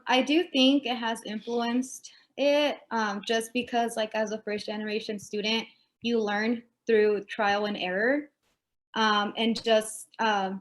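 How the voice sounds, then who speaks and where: Woman, flat even delivery, many fillers, panel answer on a video call. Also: on the high side. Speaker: panelist, first-generation student.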